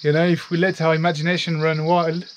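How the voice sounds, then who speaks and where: A man with a slightly high voice chats informally as a travel vlogger. He comments casually on his surroundings in the open air. Light ambient noise sits behind his voice. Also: little pitch movement, fast talker. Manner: informal, chatty, occasional swearing. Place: outdoors on forest walking paths.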